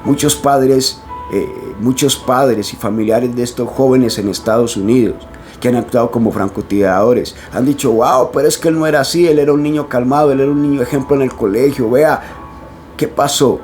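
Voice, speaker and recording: A man's voice: medium pitch, normal speed, darkish tone, soft background music. A man preaching to camera, speaking earnestly and warning parents directly.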